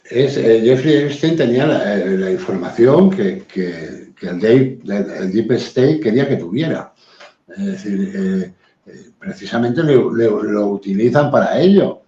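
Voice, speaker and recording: A man's voice: fairly low pitch, animated, a little slow, warm tone. A man, a guest in a live-stream talk, speaking bluntly and assertively with many hesitant fillers. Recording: roomy, dull lo-fi sound.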